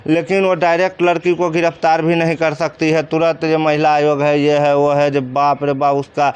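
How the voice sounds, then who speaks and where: Interviewed about crime cases, a man with a Bihari accent comments informally, explaining things colloquially and often answering his own questions. His voice is fairly high-pitched, level and clean, at a moderate pace.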